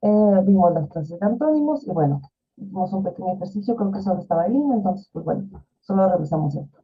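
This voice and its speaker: Over a video call with tinny, phone-like audio, a woman teaches an online class in a chatty style, using fillers and rhetorical questions. Her mid-range voice is expressive and slightly rough, and she talks fast.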